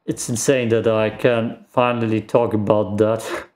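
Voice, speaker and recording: A man speaking German as his first language narrates a game in a lowish, slightly mellow, flat voice, a bit slowly. He rambles and reacts aloud with self-deprecating remarks, captured by a desk microphone in his home gaming setup.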